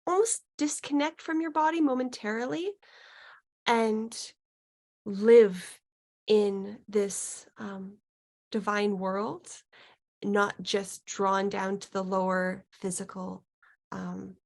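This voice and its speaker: A woman guiding a client through an unscripted healing session as a mystical healer, speaking in a halting, searching way with thoughtful pauses. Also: medium pitch, steady tone, vocal fry, a little mellow. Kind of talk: unscripted guided healing session, musing aloud.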